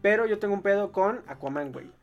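A young man with a Mexican accent chatting casually about comics, slangy and quick to laugh. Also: high-pitched, highs cut off, faint music behind. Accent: Mexican Spanish. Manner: slangy, laughs often, lively imitations. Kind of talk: casual chat.

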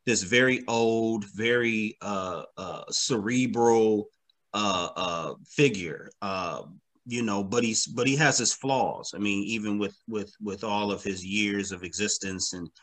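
On the low side and a bit bright, this male voice belongs to a comic book creator being interviewed. He chats in a loose, slangy way, stumbling and repeating words as he works out what to say, with frequent "man" and "you know".

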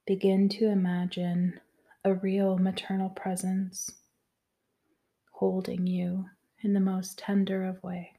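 A woman leading a guided meditation in a soft, soothing voice that often drops to a whisper. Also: medium pitch, completely flat delivery, slow pace, gravelly, husky.

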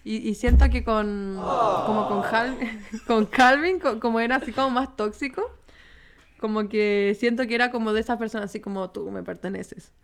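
A woman's voice: fairly high pitch, fairly even intonation, moderate pace. A young woman with a Chilean accent in casual podcast chat, hesitant with repeated starts and the odd English word in her Spanish.

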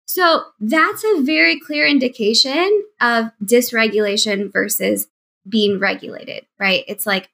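Bright, gravelly-voiced woman guest. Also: on the high side. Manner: animated, acts out her past self in quoted asides. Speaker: podcast guest, mind-body coach. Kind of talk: conversational interview. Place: home, speaking on a call.

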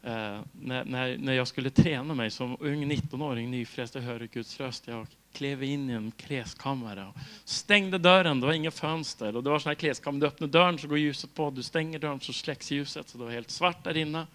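A man's voice: mid-range voice, few pauses. A middle-aged Swedish man preaching a sermon, telling stories with laughs and acting out dialogue. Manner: lively storytelling with laughs and acted-out dialogue. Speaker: pastor.

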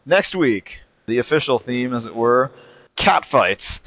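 A man's voice: mid-range voice, expressive, a little slow, fairly bright tone. A man hosting a podcast in a casual chat, wordy and wry with a self-deprecating way of talking. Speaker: podcast host.

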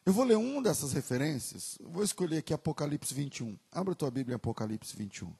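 Gravelly, husky Brazilian pastor preaching. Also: male voice, on the high side, big pitch swings, quick pace, big-room sound. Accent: Brazilian Portuguese. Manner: builds from conversational asides to loud emphatic preaching. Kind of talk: sermon.

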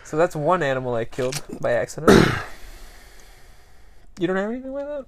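A man's voice: fairly high pitch, sing-song, fairly quick. A man, a podcast co-host telling jokey stories in a casual chat, swearing freely. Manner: joking storyteller, swears freely.

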